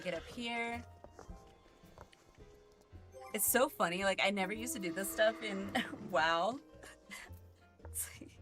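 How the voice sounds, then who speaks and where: A woman's voice: medium pitch, fairly bright tone. A young adult woman streamer chatting casually with her viewers, giggly, self-mocking and emotional. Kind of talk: casual live-stream chat.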